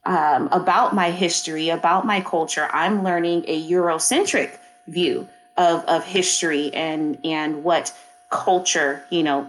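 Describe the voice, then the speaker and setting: A woman's voice: fairly low pitch, a little hiss or hum, low-quality recording. A woman from East Oakland, talking in a casual panel conversation, reflective and working through her ideas with restarts. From East Oakland, California.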